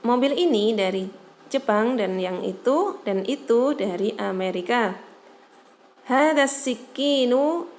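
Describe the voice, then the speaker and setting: A woman teaching a recorded Arabic lesson, slowly reading each phrase, translating it and explaining pronunciation with patient check-ins. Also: medium pitch, a little mellow. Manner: patient, adds "ya" to check understanding.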